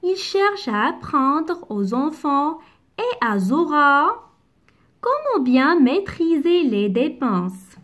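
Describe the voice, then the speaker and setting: Woman teacher, very slow deliberate speech, high voice, repeats each word clearly. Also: big pitch swings, a bit bright. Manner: slow, articulated dictation-like delivery, repeating words. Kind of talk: slow, careful classroom reading and explanation.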